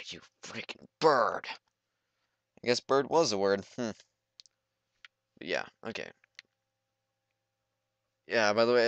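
A man's voice: lowish voice, clean tone, no room sound, lo-fi sound. A young man giving goofy, rambling let's play commentary and talking back to the game.

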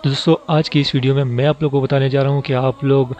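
A man's voice: mid-range voice, little pitch movement, fast talker, darkish tone. A man hosting a tutorial channel, patiently walking through each step and checking in with "theek hai" as he goes. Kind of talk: screen-recorded how-to tutorial. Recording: slightly dull lo-fi voice-over with faint music.

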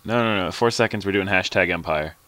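Low-ish male gamer on voice chat, jokey, quick to laugh and shout. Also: dry recording. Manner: laughs often, excited outbursts. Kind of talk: casual gaming chat.

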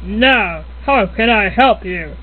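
A man voicing a bank teller in an amateur comedy cartoon, with snippy, drawn-out politeness. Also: high-pitched, lively intonation, phone-quality sound, heavily acted. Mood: snippy, unhurried.

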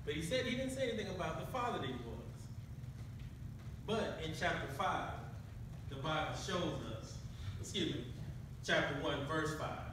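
A middle-aged man preaches in a small church, calling out to his congregation as he paces with a handheld mic. His voice sits a little high and rings through a very echoey room, picked up from far back. Room noise runs under everything. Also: lively intonation, normal speed. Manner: preaching with call-and-response, pacing the stage. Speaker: minister. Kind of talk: sermon.

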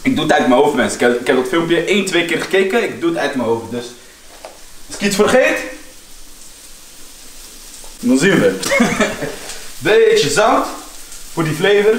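A man chatting casually in street slang as he cooks, repeating words excitedly. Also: on the high side, normal speed, pauses often. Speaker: home cooking vlogger. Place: home kitchen with food sizzling. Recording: roomy kitchen, clear background noise.

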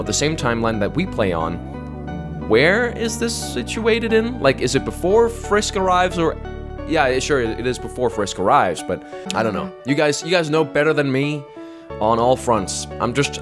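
A man's voice: medium pitch, animated, moderate pace. A man casually commenting on a fan game as he plays it, rambling and joking at his own expense. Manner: rambling, joking, self-deprecating. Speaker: gamer playing through a fan game. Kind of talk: casual let's-play commentary. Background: game music.

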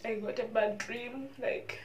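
A young woman speaks to her camera in a personal vlog, tearful and breaking into sobs and laughter. Her voice is high and her words come slowly and haltingly. She sits a little away from the mic, with a faint hiss of room noise behind her. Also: steady tone, far from the mic. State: crying. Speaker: vlogger.

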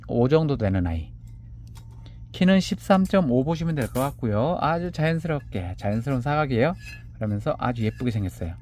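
A man talks in an easy, chatty way as he presents pots to sell. His pitch moves a lot, rising and falling through each phrase. He reads out each measurement in a gentle, unhurried manner. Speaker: seller presenting handmade pots. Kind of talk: casual sales presentation. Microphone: camera on a table.

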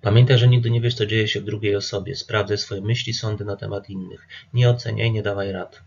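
A man, an addiction therapist, calmly explaining group therapy rules straight to the listener in an instructive presentation. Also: lowish voice, brisk, gravelly, muffled recording, slight background noise. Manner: calm, instructive, addresses listener directly. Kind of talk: talking-to-camera presentation.

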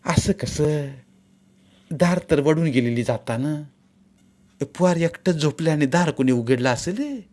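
A man's voice: expressive, measured pace, long pauses, darkish tone. A man reading aloud, voicing an anxious young village mother who is desperate to find her son. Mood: worried. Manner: high-pitched, pleading, tearful.

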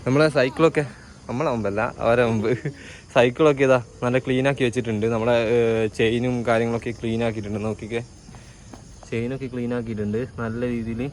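With a medium pitch, an even tone, and a quick pace, a Malayali vlogger chats through his cycle tour, pointing out what he passes on the road. The clip is loud with outdoor traffic and wind.

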